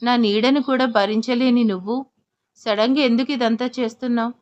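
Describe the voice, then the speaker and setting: A sharp-tongued young wife in a storybook drama, voiced by a woman narrator. She speaks firmly and quickly, with a fairly high voice on a dull, lo-fi recording. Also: fairly even intonation, lightly acted. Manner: firm and quick, scolding.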